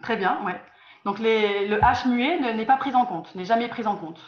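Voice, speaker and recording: On a video call, a teacher with a slightly high voice leads an online lesson at a moderate pace. She patiently quizzes her students, frequently restarting or repeating phrases. The audio is roomy and dull, typical of lo-fi call sound.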